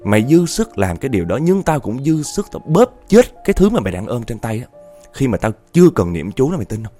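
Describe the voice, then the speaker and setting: Man doing a stern fierce old grandpa laying down warnings, low voice. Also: big pitch swings, a little fast, a little mellow, faint music behind. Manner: stern, commanding.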